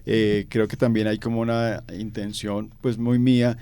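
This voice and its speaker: Answering interview questions reflectively and conversationally, this young paisa-accented Colombian guest leans on fillers and repeats himself often. His voice sits on the low side, dark, clear, and resonant, with little pitch movement at a moderate pace.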